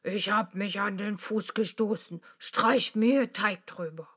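A woman voicing a cunning, menacing male wolf in a fairy tale, loud and coaxing, in a slightly lower voice. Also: slow, husky, exaggerated voice.

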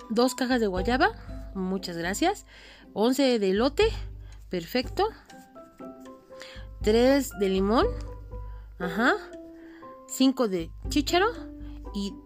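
A woman with a Mexican accent speaking as a teacher, explaining informally in a chatty, playful way. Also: on the high side. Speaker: math teacher. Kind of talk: informal lesson with playful role-play.

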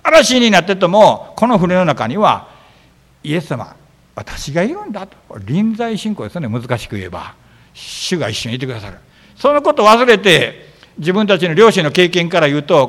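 Man preaching in a church hall, fairly high voice, storyteller who acts out lines. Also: vocal fry. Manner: animated storytelling, acting out biblical dialogue. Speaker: pastor. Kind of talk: sermon. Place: church sanctuary.

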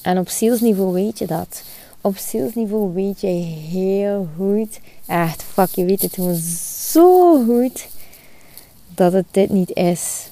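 A woman's voice: medium pitch, fairly even intonation, a little slow, warm tone. A woman, hosting a spiritual podcast monologue outdoors in the sun, earnest and repeating her phrases. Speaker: podcast host.

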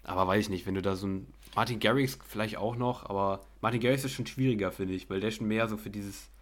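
A young man co-hosting a podcast in a relaxed, chatty way, laughing easily. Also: on the low side, quick pace. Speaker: podcast co-host. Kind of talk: casual chat.

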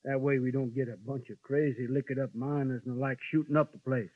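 An actor playing a folksy, controlling frontier sheriff in a 1950s radio western, laconic and authoritative, with an American western accent. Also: male voice, mid-range voice, fairly even intonation, fast, no echo, lightly acted. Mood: wary, authoritative. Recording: muffled, dry vintage radio broadcast.

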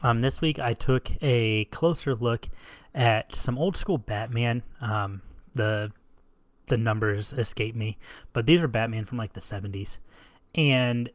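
A man's voice: mid-range voice, a little slow, no echo. A man co-hosting a casual comics podcast, rambling along with plenty of ums and "you know"s. His voice is recorded dry and close, with no room sound around it. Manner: rambling, many fillers and restarts. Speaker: podcast co-host. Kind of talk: casual chat.

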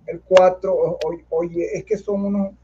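A man hosting a casual poetry interview, speaking in a halting, stammering way. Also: high voice, little pitch movement, mellow, muffled recording, slight background noise. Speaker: host, composer and poet.

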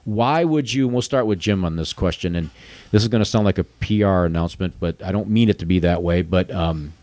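A man interviewing two guests in a measured, conversational way, thinking aloud in long, qualified sentences. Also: deep voice, dark tone, dry recording.

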